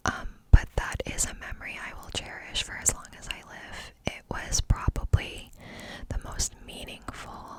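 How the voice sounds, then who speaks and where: A woman ASMR host telling a personal story in a confiding, candid, cupped-hand whisper, close up. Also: rough recording.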